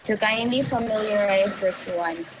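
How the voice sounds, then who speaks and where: Female lecturer, Cebuano Filipino accent, mid-pitched, slow and halting classroom delivery. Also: background noise. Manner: halting, explanatory, many fillers.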